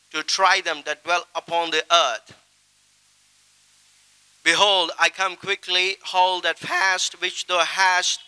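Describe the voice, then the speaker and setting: Man solemnly reciting scripture, bright voice. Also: high-pitched, clear, resonant tone, poor audio. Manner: solemn, declamatory, emphatic rises. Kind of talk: memorized Bible recitation. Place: stage with curtains, seated. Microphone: handheld microphone.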